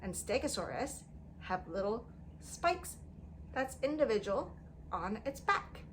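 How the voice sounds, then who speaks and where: Speaking slowly in a fairly high, sing-song voice, a woman guides young kids through an interactive story lesson with repetition and coaxing questions. There is slight background noise, and her manner is exaggerated throughout.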